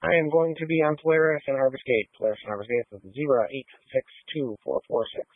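A man's voice: mid-range voice, steady tone, quick pace, no room sound. A man working as a police officer, calling in traffic stops in a matter-of-fact way and spelling plates and names letter by letter, heard over a phone-like radio channel. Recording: narrow phone-like radio audio, dry.

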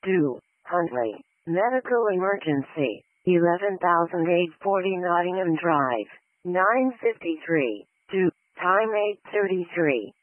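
A woman working as an emergency dispatcher, reading formal, formulaic announcements in a measured way over a two-way radio. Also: lowish voice, animated, no room sound. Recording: narrow, tinny radio channel.

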